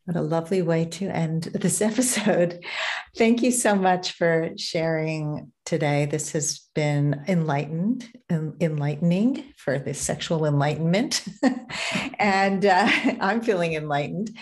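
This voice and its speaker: A woman's voice: low-pitched, measured pace, darkish tone. A woman hosting a podcast, thanking her guests and closing the show with a bit of laughter. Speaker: podcast host. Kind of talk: podcast interview.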